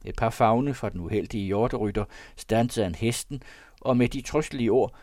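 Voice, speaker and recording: A man narrating an old story aloud in a steady storytelling manner. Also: medium pitch, no room sound, clean studio sound.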